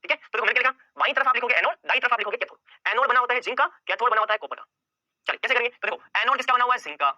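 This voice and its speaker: A man teaches chemistry at breakneck speed, throwing out questions and answering them himself. His voice is high, bright and forceful. The sound is dry and close, but a little dull and muffled. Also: racing, dry recording. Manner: repeats key points over and over. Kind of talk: exam-prep lecture.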